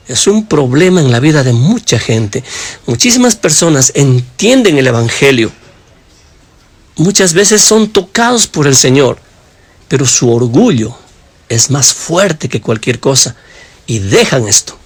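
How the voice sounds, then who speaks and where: A man preaching a sermon with passion, addressing his listeners directly and swinging between raised high emphasis and low hushed phrases. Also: big pitch swings, unhurried, pauses often, breathy edge.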